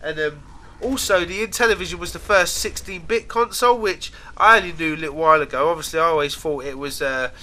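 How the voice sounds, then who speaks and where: A man's voice: a little high, quick pace, pushed and bright. A British man with a congested, nasal voice, as if his nose is pinched by a cold, chatting casually and slangily as he rambles over gameplay. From United Kingdom. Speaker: gaming video host.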